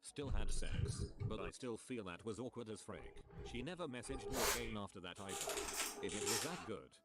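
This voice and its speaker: A man reading posts aloud for a reaction video in a flat, matter-of-fact way. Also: on the low side, normal speed, over loud music. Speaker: reader of online posts.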